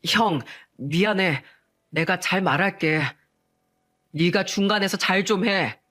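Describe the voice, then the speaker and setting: An earnest young husband, as a female storyteller plays him, caught between his wife and his family. He sounds apologetic and a little slow, heard as if from a step back in this storybook reading. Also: fairly low pitch, fairly bright tone. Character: young married man, pleading younger brother-in-law.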